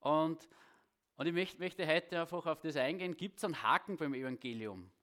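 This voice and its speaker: A preacher giving a sermon and prayer in a church hall, speaking with a halting delivery that often repeats words. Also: male voice, a little high, a bit bright. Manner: halting, repeats words, self-deprecating asides.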